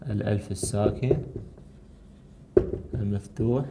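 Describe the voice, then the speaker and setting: A man teaching a recorded lesson, working through exercises. He draws out and repeats key words slowly and lifts his voice when reading verses aloud. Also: on the low side, vocal fry, heavy background noise. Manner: slow, drawn-out repetition of key words; rises to read Quranic verses.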